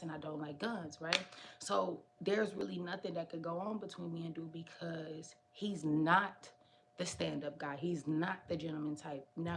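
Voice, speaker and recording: A young woman vlogger telling a story in casual, slangy chat, animated and often addressing her viewers directly. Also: lowish voice, vocal fry, slight background noise.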